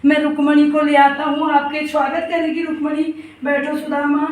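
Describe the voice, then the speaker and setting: A woman's voice: sits high, monotone, normal speed, recorded from a distance, a little hiss or hum, lightly acted. A woman playing the god Krishna, an emotional, coaxing young man who keeps calling out to his old friend. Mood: pleading. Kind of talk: devotional story enactment. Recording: roomy, voice from afar.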